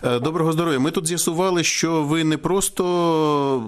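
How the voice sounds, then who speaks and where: A man hosting a radio interview in the studio, brisk and friendly with light jokes. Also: fairly high pitch. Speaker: radio host.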